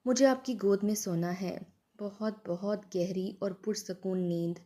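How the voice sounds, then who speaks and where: A desperate young wife pleads through tears, her voice soft and worn down, as a woman narrator puts her on. The tone is warm and mellow rather than sharp. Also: mid-range voice, steady tone, lightly acted. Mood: faint.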